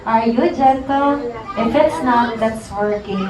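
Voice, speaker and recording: A woman's voice: on the high side, slow. A woman preaching a sermon in a conversational way, often asking the congregation for agreement. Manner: conversational, mixing in English, asks the crowd for agreement. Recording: echoey room, from far off.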